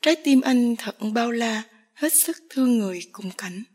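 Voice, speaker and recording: A woman's voice: a little high, animated, normal speed, darkish tone, breathy edge. Woman reading as a tearful young village girl. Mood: tender pleading. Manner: tearful, pleading.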